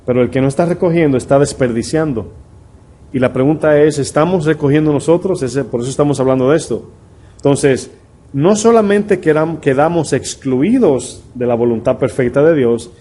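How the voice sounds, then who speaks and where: A man's voice: medium pitch, warm tone. A middle-aged man, a pastor preaching a conversational sermon full of rhetorical questions to his congregation. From Dominican Republic.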